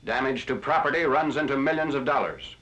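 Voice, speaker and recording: A man giving scripted narration for an old 1940s newsreel, in a crisp, formal announcer delivery. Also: mid-range voice, a little fast, sharp tone. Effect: old 1940s newsreel recording. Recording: lo-fi archival newsreel audio.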